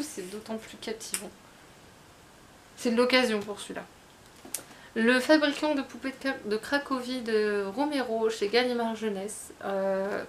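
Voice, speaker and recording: Chatty woman with faint hiss. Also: mid-range voice. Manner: chatty, hesitant, many fillers and restarts. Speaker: book vlogger. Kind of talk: casual book haul chat.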